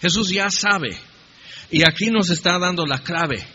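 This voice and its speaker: A man's voice: high-pitched, unhurried, pushed and bright, husky. A man preaching a sermon in a conversational way with humorous asides. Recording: dull, slightly lo-fi recording in a reverberant hall.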